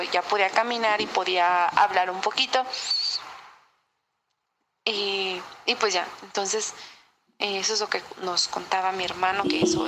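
A woman with a Mexican accent telling a personal story in a relaxed, chatty way, with lots of fillers. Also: mid-range voice, noisy background. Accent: Mexican Spanish. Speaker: podcast co-host telling a story. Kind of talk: casual storytelling.

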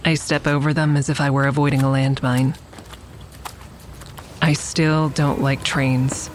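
Her voice extremely low and flat, a woman speaks a little slowly as a wary survivor of a shooting, narrating her nighttime adventure in first person for an audio drama. The mood is wary and reflective, the manner introspective, and a little hiss or hum sits under the audio.

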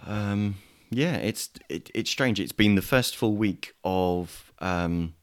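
Low-voiced hesitant English man. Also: slow pace, clean tone. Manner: hesitant, lots of ums and restarts. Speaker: podcast host. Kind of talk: casual chat. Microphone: video call.

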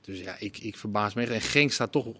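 A man's voice: fairly low pitch, fairly quick, pushed and bright. A middle-aged man, a former head coach, giving emphatic opinions in a casual football discussion.

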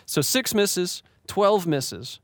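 Dungeon master, male, lively and a bit high, laughs a lot between rolls. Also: extremely slow. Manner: laughs often, loose and joking. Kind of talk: narrating a tabletop game.

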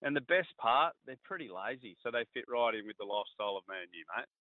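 A man's voice: mid-range voice, expressive, quick pace, dry recording. A man with an Australian accent chatting casually about sport as a pundit, in a blokey, laid-back, matey way full of slang. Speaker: sports pundit and former player. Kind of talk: casual radio sports chat. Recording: tinny phone line.

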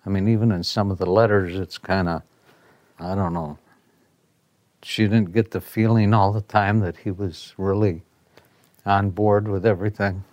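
A man's voice: on the low side, steady tone, normal speed, long pauses, a little mellow. A man giving casual, tentative recollections as an interview guest.

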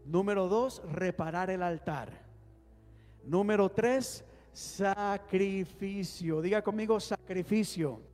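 A man's voice: high-pitched, unhurried, a little mellow. A man preaching a sermon as pastor, calling on the congregation to respond and leading them in prayer. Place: church hall. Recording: long hall reverb with faint music.

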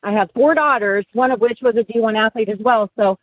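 A woman's voice: a little high, fairly quick, no room sound. A middle-aged woman calling in to a radio talk show over a phone line, asking a question politely and thinking it through aloud. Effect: phone line call-in audio. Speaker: radio call-in caller. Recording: tinny phone line, dry.

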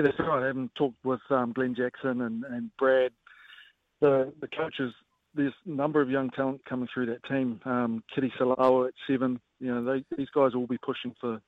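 A man's voice: medium pitch, no room sound. Man on a dry, phone-like line. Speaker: rugby coach as guest pundit. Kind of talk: casual sports analysis in an interview.

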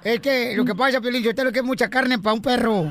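A man's voice: very high voice, fairly even intonation, fairly quick, a bit bright. A man hosting a comedy radio show, teasing and flirting with guests. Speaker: radio host.

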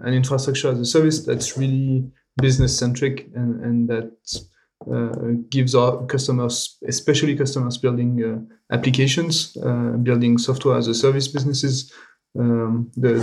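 A man's voice: mid-range voice, flat delivery, moderate pace, darkish tone. A man, a guest and co-founder, talking in a hesitant podcast chat full of fillers. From Switzerland. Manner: hesitant, many fillers, laughs easily. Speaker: guest, cloud company co-founder. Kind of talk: casual podcast conversation.

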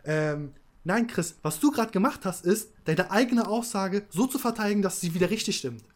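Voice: mid-range voice, expressive, moderate pace. Blunt voice pushing back in debate. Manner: blunt, contrarian, insistent. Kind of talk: heated casual debate.

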